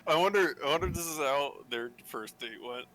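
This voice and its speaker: A man's voice: a little high, lively intonation, fairly quick, crowd noise, poor audio. A man chatting casually in a teasing, laughing way. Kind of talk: casual chat.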